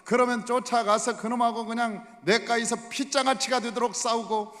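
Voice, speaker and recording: High-voiced male pastor preaching. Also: steady tone, normal speed, fairly bright tone. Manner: storytelling, addresses the congregation directly. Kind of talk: sermon. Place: church sanctuary. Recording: long reverb of a church hall.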